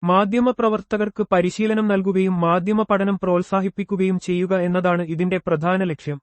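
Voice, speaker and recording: High-voiced man reading quiz answers. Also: moderate pace, dry recording. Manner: steady recited question, answer, explanation pattern. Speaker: exam coach. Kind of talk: quiz-style exam prep reading.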